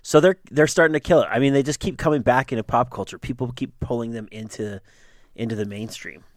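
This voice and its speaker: An excitable young man in casual podcast chat, laughing often and climbing sharply in pitch when something thrills him. His mid-pitched voice sits close and dry, with no room sound around it. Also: quick pace, dry recording. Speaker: podcast co-host.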